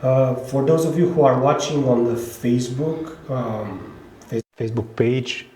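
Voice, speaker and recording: A man's voice: medium pitch, mellow, a little hiss or hum. Romanian man hosting a live panel. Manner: halting, many uh fillers and restarts. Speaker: event host. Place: outdoors at a fortress on a hot day.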